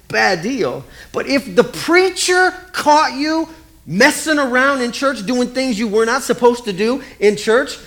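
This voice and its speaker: A man preaching a sermon, telling a funny childhood story from the pulpit in an animated, playful way. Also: sits high. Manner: animated, comic storytelling with voices for kids. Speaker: pastor.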